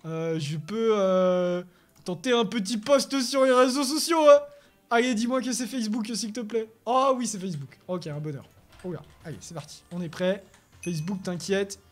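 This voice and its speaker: A man giving chatty, excitable Let's Play commentary, talking to himself as he plays and using an odd put-on accent. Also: high voice, moderate pace, soft background music. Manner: excitable, chatty, talks to himself while playing. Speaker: gaming YouTuber.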